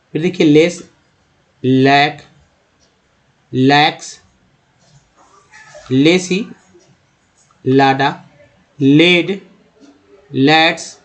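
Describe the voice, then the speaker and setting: Higher-voiced man teaching English pronunciation. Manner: patient, asks questions and answers them himself; reads words out slowly, letter by letter. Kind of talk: explaining English pronunciation to beginners.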